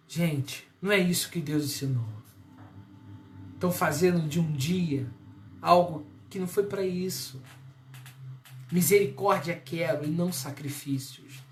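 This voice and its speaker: A man's voice: fairly high pitch, unhurried, long pauses. Brazilian guy preaching, keeps firing questions at the crowd, roomy echo and a faint hum behind. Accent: Brazilian Portuguese. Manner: emphatic, with many rhetorical questions to the listeners. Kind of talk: preaching a sermon.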